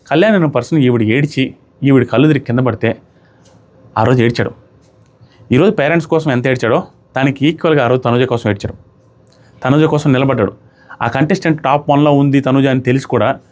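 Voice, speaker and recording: A man's voice: mid-range voice, darkish tone. A man giving an opinionated review of a reality show episode, arguing his points with pointed rhetorical questions.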